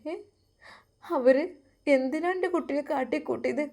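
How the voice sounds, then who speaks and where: A woman's voice: high-pitched, moderate pace, a little mellow, voice pushed up. A woman doing an anxious tender mother. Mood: worried. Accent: Malappuram Malayalam. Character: worried loving middle-aged mother.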